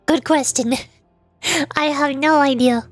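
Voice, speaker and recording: A woman streamer voice-acts along with a video game, offering casual, playful commentary and often thinking aloud hesitantly. Her voice is high-pitched, steady in tone, and slow. Game music plays behind her.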